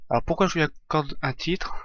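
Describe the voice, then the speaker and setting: A man streaming a strategy game live, explaining his moves in a halting way full of fillers. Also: a little high, fairly bright tone, no echo, dull audio. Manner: hesitant, many fillers, halting English.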